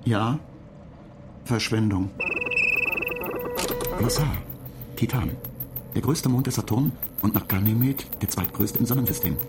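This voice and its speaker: A man's voice: fairly low pitch, unhurried, long pauses, heavy background noise, lightly acted. An actor playing Hal, a cool, pedantic male ship computer, speaking drily and tersely in a radio drama. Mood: detached. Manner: dry, lecturing, terse.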